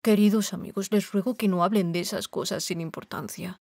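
A woman's voice: medium pitch, fairly even intonation, brisk, darkish tone, husky, no echo, studio quality. A woman voicing a timid aging little man who poses as a great wizard, speaking meekly and shakily in an audiobook. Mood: humble. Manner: shaky, meek.

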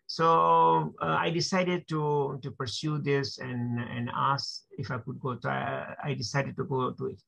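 A man in his sixties from Kenya, a doctor speaking as an interview guest over a video call, halting and repeating words as he talks. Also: mid-range voice, level tone, creaky, a bit bright. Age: 60s. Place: small room at home, indoors. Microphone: laptop mic on video call. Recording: dull lo-fi video call audio.

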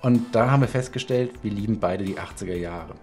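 A middle-aged talk show host runs a casual, chatty interview from an indoor home studio room. His voice is on the low side and darkish in tone, moving fairly quickly over soft background music.

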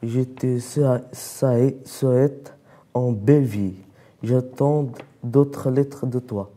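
A teenage boy from Morocco reading a letter aloud in a studio, halting and stumbling over words. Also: mid-range voice, steady tone, warm tone. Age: teens.

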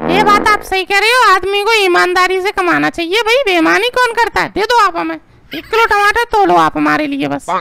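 Casting: actress for haggling housewife in cartoon comedy, piercingly high, creaky, argumentative; noisy recording. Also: female voice, moderate pace, bright, forceful tone, exaggerated voice. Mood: approving. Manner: scolding, argumentative. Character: indignant, argumentative young housewife haggling over vegetables.

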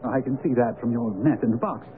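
An actor playing a courteous, cautious gentleman doctor in a radio drama, polite and reserved as he investigates. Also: medium pitch, fairly quick, crowd noise, natural voice. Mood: polite, curious. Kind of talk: radio drama acting and narration. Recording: phone-like vintage radio broadcast.

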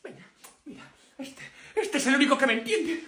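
A woman's voice: sits high, lively intonation, moderate pace, a bit bright, a little hiss or hum. Woman doing a nagging Spanish mother. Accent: Spain Spanish. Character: nagging overprotective middle-aged mother.

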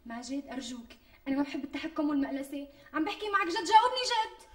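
An actress playing a pampered, demanding young pregnant wife with a Syrian Damascene accent, wheedling and quick to take offence. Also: female voice, high-pitched, lightly acted. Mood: insistent. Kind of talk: TV sketch acting. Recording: distant mic with faint music.

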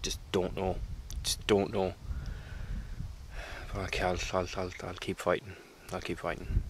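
A man in his thirties speaks to a camera held at arm's length while out on a rural trail. His voice sits low and stays fairly even in pitch. He rambles candidly, with fillers and restarts. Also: unhurried, background noise. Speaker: hiker vlogger. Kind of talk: casual walking vlog to camera. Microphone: handheld camera at arm's length.

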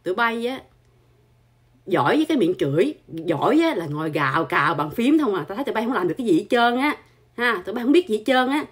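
A woman delivers a heated scolding monologue to her channel's viewers. Her voice is husky and sits at a middling pitch. She insults and lectures, piling on repeated filler particles as she goes. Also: sing-song, quick pace. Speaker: channel host.

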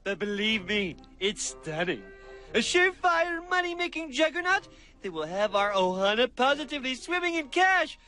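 An actor playing a fussy, theatrical one-eyed male alien in a cartoon, excitable and showy. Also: very high voice, moderate pace, faint music behind, exaggerated voice. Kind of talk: cartoon voice acting.

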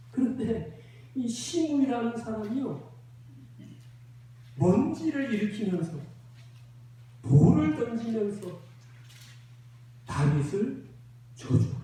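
Male pastor, dramatic storytelling sermon, dark warm tone, very echoey church sanctuary. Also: sits high, a little hiss or hum. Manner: slow, dramatic storytelling with rhetorical questions to the congregation. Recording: roomy church echo, voice from a distance.

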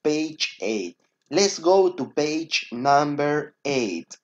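Very slow and sing-song, his voice a little high, a twenty-something Peruvian native Spanish speaker coaches schoolchildren through a recorded lesson. He keeps his instructions simple, repeated, and encouraging, and the lo-fi screen recording sounds dull.

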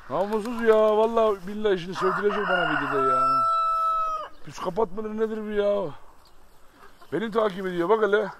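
Chatting casually to his viewers, a high-voiced vlogger feeds and coaxes his animals outdoors by a chicken coop, turning from tender to scolding and back again. A rooster, chickens and birds can be heard throughout this farm vlog.

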